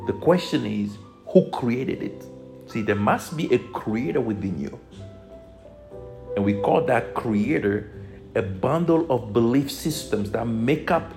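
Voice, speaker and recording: A man from Togo with a Togolese accent, teaching as a motivational spiritual life coach in deliberate phrases with emphatic stresses. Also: mid-range voice, darkish tone. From Togo, West Africa.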